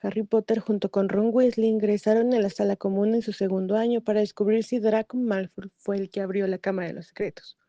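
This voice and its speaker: A woman's voice: mid-range voice, fairly even intonation, brisk, few pauses, warm tone, dry recording. A woman hosting a video, reading an informative script and carefully sounding out foreign names, sometimes unsure of the pronunciation. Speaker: YouTube channel host. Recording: slightly dull, dry recording.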